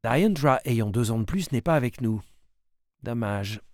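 A man narrating a storybook in a diary voice, with wry, quick asides between slowly read lines. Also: medium pitch, expressive, no room sound, clean studio sound.

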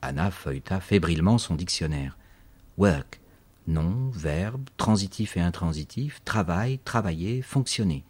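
Very deep, husky male narrator. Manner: expressive reading, spells words out slowly. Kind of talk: audiobook narration.

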